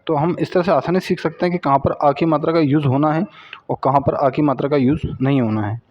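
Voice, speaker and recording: A man teaching children Hindi vowel signs in a patient way, repeating each word and syllable slowly. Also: a little high, fairly even intonation, muffled recording. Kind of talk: slow children's Hindi spelling lesson.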